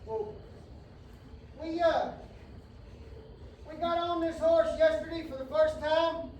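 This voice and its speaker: High-voiced horse trainer, far off. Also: male voice, steady tone, unhurried, darkish tone, a little hiss or hum. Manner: drawling, folksy, preachy asides, soothing whoas to the horse. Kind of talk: explaining to camera while working a horse. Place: outdoor round pen. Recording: distant echoey outdoor recording.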